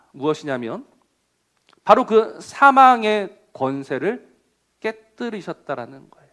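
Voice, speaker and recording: Dramatic high-voiced male preacher. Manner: dramatic, swings from loud to near-whisper; asks rhetorical questions. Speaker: pastor. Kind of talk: sermon.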